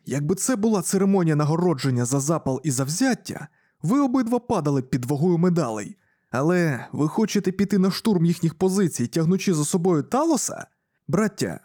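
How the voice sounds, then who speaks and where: A man's voice: fairly high pitch, dark tone, voice pushed up. Man doing a sardonic armored space warrior. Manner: dry, mocking.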